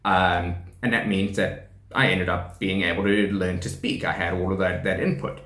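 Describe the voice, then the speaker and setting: A deaf man in his thirties from KwaZulu-Natal, South Africa, who wears hearing aids, talks casually to camera about his experience in a South African English accent. He's a teacher and rugby player presenting a channel; his low, fairly bright voice moves little in pitch, runs at normal speed, and is shaped by profound hearing loss. He rambles with frequent ums, restarts and laughter, in an echoey room.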